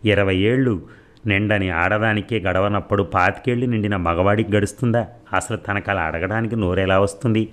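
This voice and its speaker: Deep-voiced man reading a novel. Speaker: audiobook narrator.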